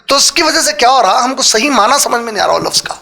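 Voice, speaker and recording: Guy with a really high, bright voice teaching a class, keeps throwing questions at the crowd, drops english words in. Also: expressive, creaky. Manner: quizzes the audience with quick questions; mixes English words into his talk. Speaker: religious teacher. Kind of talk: interactive Quran lesson lecture. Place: lecture hall with a live audience.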